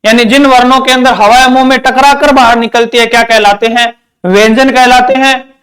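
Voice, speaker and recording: A man's voice: very high-pitched, fairly even intonation, a little fast, a bit bright. A male teacher giving an exam-prep grammar lecture, repeating points and asking questions he answers himself. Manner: repetitive question-and-answer drilling.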